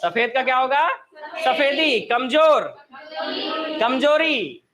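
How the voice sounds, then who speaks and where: A man's voice: extremely high pitch, slow, crowd noise. A man teaching an online exam-prep class, calling out words one by one, asking students for answers and then correcting them. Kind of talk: online coaching class, quizzing students on word forms.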